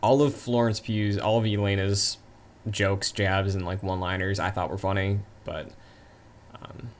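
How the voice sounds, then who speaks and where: A man's voice: sits low, steady tone, normal speed, slight background noise. A man co-hosting a casual movie review chat, talking in long, rambling asides. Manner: chatty, trailing asides. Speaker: podcast co-host.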